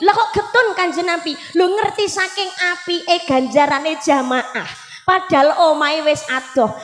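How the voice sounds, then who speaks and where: A woman preacher with a Javanese accent, telling a humorous sermon story in a lively way at a live gathering. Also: very high voice. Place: large hall at a live religious gathering. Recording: echoey hall with faint music.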